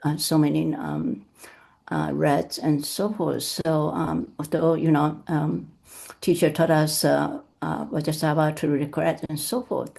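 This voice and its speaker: A woman's voice: deep voice, level tone, creaky, mellow. A middle-aged woman from Taiwan, sharing hesitantly in an online study group. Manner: hesitant, halting with many fillers. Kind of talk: personal sharing in an online discussion.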